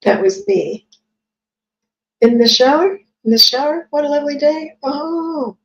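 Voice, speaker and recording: A woman with a scratchy, gravelly voice that sits high and is a bit bright speaks at a measured pace. She chats casually while hosting a live psychic reading stream and reading out viewer comments, over dull lo-fi stream audio.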